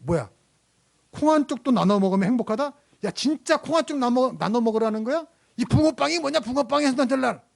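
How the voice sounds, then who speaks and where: A man's voice: extremely high pitch, lively intonation, fast talker, gravelly, a little mellow, voice pushed up, full character voice. A man voicing an angry, resentful homeless woman who answers with scornful retorts.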